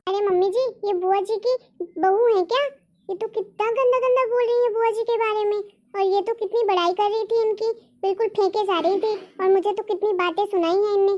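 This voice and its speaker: A woman's voice: extremely high pitch, fairly even intonation, a little fast, a little mellow, dull audio. Woman playing an earnest young daughter-in-law. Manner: earnest, pleading. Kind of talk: homemade family drama.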